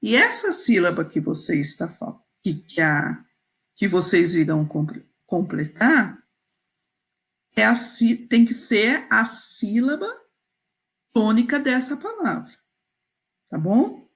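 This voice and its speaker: A woman teacher talks students through a set of exercises in a video lesson, taking her time and pausing often to check they are following. Her pitch rises and falls a lot, and her voice has a slight gravelly edge. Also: sing-song, a bit bright. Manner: slow, patient, checks in with "ok?" and "certo?".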